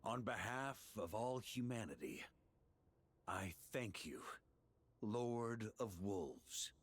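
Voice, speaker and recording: A man's voice: on the low side, takes it slowly, slight background noise. An actor playing a brave, earnest male knight in a video game, speaking with confident conviction. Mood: solemn. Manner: confident, expressive, rising to loud calls.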